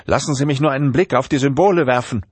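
Desperate trapped professor, voiced by a male narrator, raised pitch, urgent shouting in an audiobook. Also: quick pace, husky, no echo, natural voice.

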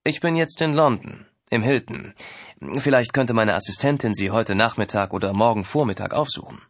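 A man's voice: mid-range voice, moderate pace, no room sound, lightly acted. A man doing a stiff fake French agent. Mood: stiffly formal. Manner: stiff, over-careful, formal. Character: Mitch posing as a French art agent with a forced accent.

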